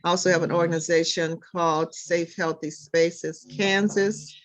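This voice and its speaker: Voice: medium pitch, steady tone, moderate pace, fairly bright tone, low-quality recording. A community leader from the United States giving a formal self-introduction at a meeting. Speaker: community leader and organization founder.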